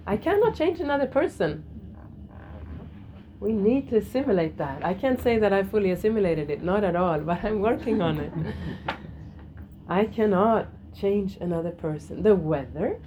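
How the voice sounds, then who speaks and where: A middle-aged woman teaching a yoga lesson in a gentle way, repeating key phrases and laughing softly now and then. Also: mid-range voice, expressive, measured pace, long pauses, dull audio, slight background noise. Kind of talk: spiritual lesson to a class.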